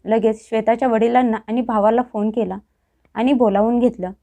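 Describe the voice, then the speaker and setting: Woman, storyteller, scripted narration, steady delivery, somewhat high, mellow tone. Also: brisk.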